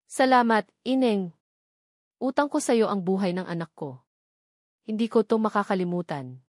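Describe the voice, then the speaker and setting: A woman's voice: mid-range voice, lively intonation, normal speed, dry recording, clean studio sound, lightly acted. A woman narrator voicing a poor, tearful mother in her later years, pleading and grateful by turns.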